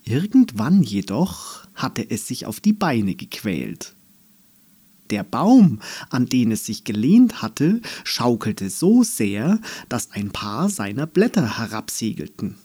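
A man narrating a children's story in German, reading in a slow, expressive manner. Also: husky. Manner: slow, expressive, lively pitch.

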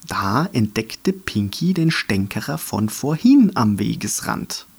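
Slow, husky male storyteller. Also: on the low side. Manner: expressive, lively storytelling. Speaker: narrator. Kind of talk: storybook reading.

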